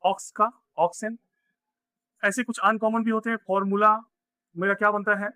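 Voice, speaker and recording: A man's voice: high-pitched, little pitch movement, normal speed, bright, forceful tone, smooth, no echo. A man teaching a grammar lesson, explaining step by step and asking and answering his own questions. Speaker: English teacher. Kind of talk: classroom grammar lesson in Hindi.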